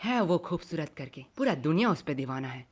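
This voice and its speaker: A woman's voice: low voice, big pitch swings, brisk. A woman voicing a cheeky, money-obsessed schoolboy who teases and mocks his classmates. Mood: scheming. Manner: wisecracking, mocking.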